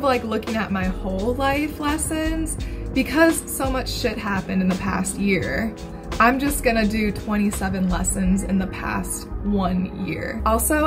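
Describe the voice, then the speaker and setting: A woman in her twenties talking to camera in a candid, chatty way, swearing casually now and then. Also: mid-range voice. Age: 20s. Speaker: vlogger. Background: background music.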